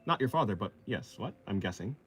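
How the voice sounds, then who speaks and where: Faint music plays under this fairly low-voiced man, who sounds very animated and speaks a little fast. He's a live-streaming artist around twenty, drawing while he reads comments out loud and replies in a relaxed manner.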